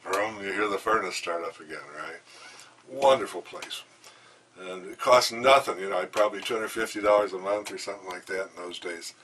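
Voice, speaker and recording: An older man with a deep, bright, forceful voice speaks a little fast as he is interviewed in a hotel room. He is enthusiastic and meandering, packing his rambling anecdotes with fillers. It was recorded on a distant mic with faint background noise.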